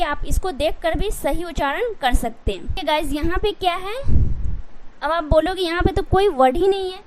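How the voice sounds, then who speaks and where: High-voiced woman drilling pronunciation rules. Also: slight background noise. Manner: repetitive, drilling, asks and answers own questions. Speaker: English teacher. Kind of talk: Hindi English pronunciation lesson.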